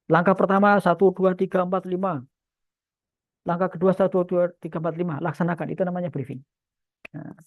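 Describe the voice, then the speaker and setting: A male instructor lecturing civil service trainees, expressive, pushing his voice loud and then dropping it low for emphasis. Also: dry recording. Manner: expressive, swings loudness up and down for emphasis. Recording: tinny phone-like sound, dry.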